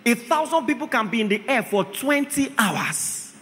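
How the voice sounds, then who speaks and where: A man's voice: very high-pitched, lively intonation, normal speed, a bit bright, big-room sound, slight background noise. A man preaching a sermon, emphatic, often asking the congregation rhetorical questions.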